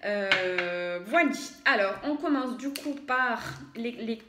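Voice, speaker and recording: Woman doing a home cooking tutorial, kinda high voice, lots of umms and restarts, echoey kitchen sound. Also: expressive, slow, noisy background. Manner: chatty, hesitant, many fillers and self-corrections. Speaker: home cook demonstrating a recipe.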